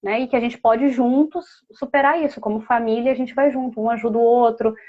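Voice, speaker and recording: A woman's voice: a little high, fairly even intonation, fairly quick, muffled recording. A mother speaking as a guest, telling a personal story in a heartfelt, casual way with many fillers.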